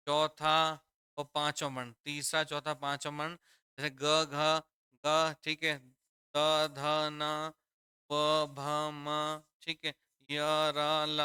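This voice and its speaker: A man's voice: on the high side, bright, forceful tone, clean tone, dry recording, clean studio sound. A man teaching a grammar lesson, repeating each point and quizzing his students with questions, calling them children. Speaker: Hindi teacher.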